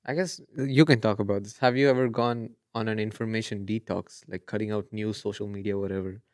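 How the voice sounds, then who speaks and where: A young man co-hosting a podcast in casual chat, asking questions in a relaxed way and laughing easily. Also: lowish voice, fairly quick, no room sound, clean studio sound. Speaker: podcast co-host.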